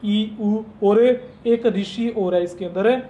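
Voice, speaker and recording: A man's voice: sits high, fairly even intonation, slow, mellow. A man teaching a grammar lesson in a classroom style. He keeps asking his listeners questions, answers them himself, and repeats each key point.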